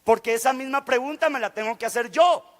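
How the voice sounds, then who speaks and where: A guest preacher from Guatemala delivers a fervent sermon in a church sanctuary, acting out the voices of those he quotes. His voice is extremely high-pitched and fast, with a big-room sound.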